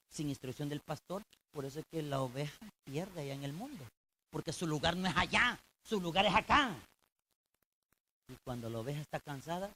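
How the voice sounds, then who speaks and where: A male pastor preaching a colloquial sermon in church, swinging between loud emphasis and low intense tones and addressing the congregation directly. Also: slight background noise.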